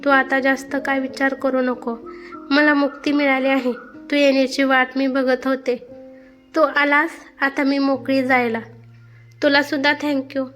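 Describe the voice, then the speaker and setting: A woman voicing a gentle young ghost. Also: sits high, level tone, unhurried, faint music behind. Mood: tender.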